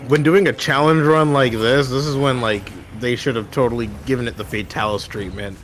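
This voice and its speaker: A man's voice: mid-range voice, steady tone, a little fast, a bit bright. A man playing a co-op game with friends, casually explaining how the mechanics work. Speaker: co-op player. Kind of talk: casual gaming chat. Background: game music.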